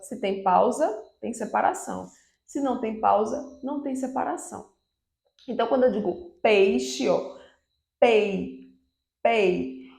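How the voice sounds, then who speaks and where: Gravelly-voiced woman teaching. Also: on the high side, reverberant. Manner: lively, repeats and stresses example syllables. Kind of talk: online grammar lesson.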